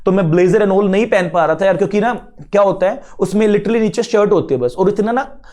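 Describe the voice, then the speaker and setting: A man with an Indian accent giving a casual classroom lecture, chatty and mixing English terms in, a bit unwell and low on energy. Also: brisk, darkish tone. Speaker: teacher.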